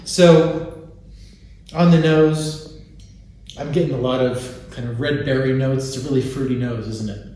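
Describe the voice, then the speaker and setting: Leading a wine tasting, this host gives an informative product presentation in a chatty way, frequently seeking agreement. He speaks in a warm, mid-range voice, a little slowly and with long pauses.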